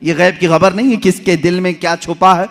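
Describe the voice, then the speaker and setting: A man's voice: sits high, fairly even intonation, fairly quick, gravelly. Man preaching in dramatic sermon style. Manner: dramatic, swings between loud poetic recitation and hushed storytelling. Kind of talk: Urdu-Hindi religious sermon.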